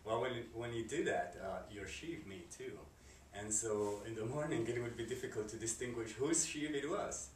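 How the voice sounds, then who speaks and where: A man from Slovakia with a Slovak accent, a composer answering interview questions in a halting way, with many fillers and restarts. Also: mid-range voice. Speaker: composer and curator. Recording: roomy, distant mic, noisy background.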